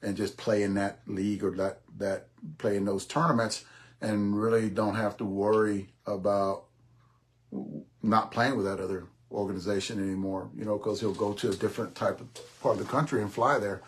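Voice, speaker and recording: Podcast host, man in his 60s, somewhat low voice, loose rambling delivery with casual cursing. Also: little pitch movement, normal speed. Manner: rambling, repeats himself, swears casually. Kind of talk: casual monologue.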